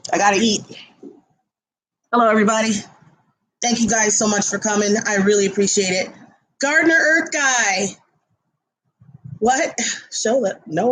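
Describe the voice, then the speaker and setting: A woman hosting a casual livestream from her home kitchen, chatting to viewers between bites, talking loudly toward a laptop mic across the room. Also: mid-range voice, breathy edge, rough recording. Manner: chatty, eats while talking; talks loudly to carry to the laptop. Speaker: livestream host.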